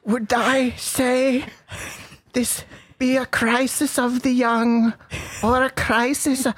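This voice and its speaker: A woman's voice: fairly high pitch, little pitch movement, slow, slightly rough, no room sound. A woman putting on the voice of a solemn old medieval English sage, asking grave questions in archaic words.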